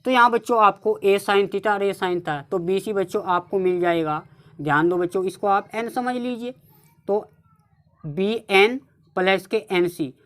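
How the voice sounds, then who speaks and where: A woman with a North Indian accent teaching a maths lesson step by step, often addressing her students as children. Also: mid-range voice. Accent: Hindi-speaking North Indian. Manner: keeps addressing the class as "children", repeats steps slowly.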